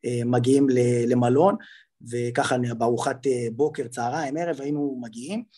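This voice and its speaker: A man talking as a podcast guest and former footballer. He tells a lively anecdote with many fillers and restarts. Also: medium pitch. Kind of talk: animated anecdote telling in conversation.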